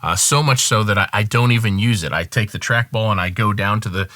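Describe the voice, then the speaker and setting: Music producer guy reviewing gear, low-ish bright voice, dry sound. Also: dry recording. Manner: conversational, weighs pros and cons in a measured way. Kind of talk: casual product review to camera.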